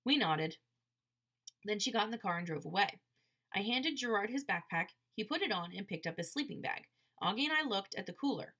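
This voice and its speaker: A woman narrating an audiobook chapter in a lively storytelling way. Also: mid-range voice, a little fast. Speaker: audiobook reader.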